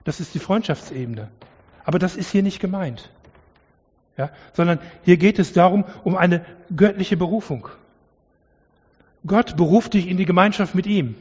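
Guy preaching in church, kinda husky, bit high, long echo in the hall. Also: moderate pace, long pauses, a little mellow. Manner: earnest, conversational with many "ja" fillers. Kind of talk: sermon. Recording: distant lo-fi hall recording.

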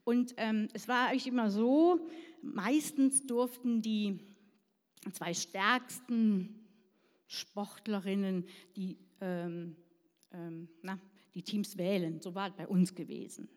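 A woman's voice: mid-range voice, takes it slowly, darkish tone, in a large hall. A woman preaching a sermon in a chatty, self-deprecating way, telling a personal story and checking in with listeners.

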